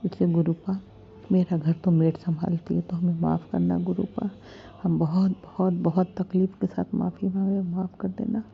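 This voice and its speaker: Soft, flat-voiced woman praying. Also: lowish voice, normal speed, gravelly. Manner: pleading, apologetic, soft-spoken. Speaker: devotee sharing a prayer of thanks. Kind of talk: devotional prayer and chant. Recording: dull lo-fi home recording.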